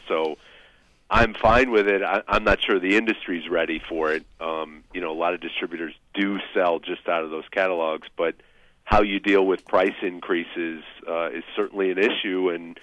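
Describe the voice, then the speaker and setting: A man calling in to a radio show, talking in a hesitant, halting way over the phone. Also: deep voice, a bit bright, no echo. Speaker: radio caller. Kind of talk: casual call-in talk. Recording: dull, dry phone line.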